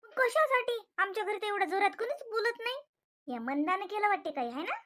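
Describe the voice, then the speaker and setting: An anxious young cartoon wife, voiced by a woman, with a high, bright voice that keeps pleading and asking what went wrong. She repeats names over and over to calm everyone down. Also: fairly quick. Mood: worried asking. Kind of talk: animated comedy dubbing.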